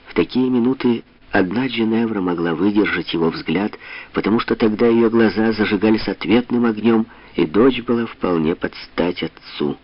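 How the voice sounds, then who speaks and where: A man narrating a novel in a measured, expressive literary reading, on a dull lo-fi audiobook recording. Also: lowish voice, no echo. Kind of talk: scripted narration.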